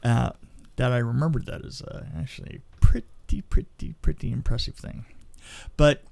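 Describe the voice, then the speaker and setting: On a podcast, a man with a creaky, medium-pitched voice shares anecdotes as a seasoned film crew storyteller. His delivery is casual, halting and animated.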